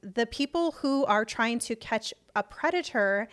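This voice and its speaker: A woman's voice: on the high side, expressive, unhurried, fairly bright tone. A woman streamer reacting to the day's news in casual chat, rambling and swearing heavily whenever she gets passionate. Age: adult parent. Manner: rambling, heavy swearing, fired-up rants.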